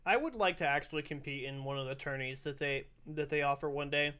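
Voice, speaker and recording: A young man gives casual reaction commentary on his stream, rambling loosely and cursing often. His voice sits a bit high for a man. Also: fast, pushed and bright, clear, resonant tone, faint music behind. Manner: loose, rambling, swears freely.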